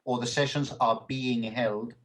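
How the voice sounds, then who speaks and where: A man's voice: mid-range voice, fairly even intonation, a little slow. Patient male English teacher. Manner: patient, corrects and checks with "okay?" and "yeah?". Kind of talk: conversational English lesson.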